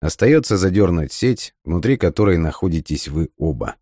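Deep-voiced man reading a story. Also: lively intonation, normal speed, warm tone, dry recording, studio quality. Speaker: audiobook narrator. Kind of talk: scripted first-person narration.

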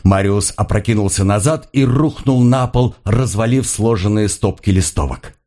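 Low-voiced male audiobook narrator. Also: moderate pace, mellow.

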